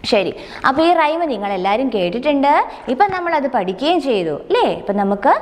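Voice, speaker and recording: A woman's voice: sits high, big pitch swings, moderate pace. A woman kindergarten teacher teaching a nursery rhyme to small children, coaxing them along with question after question and calling herself "miss". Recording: long reverb, hall-like.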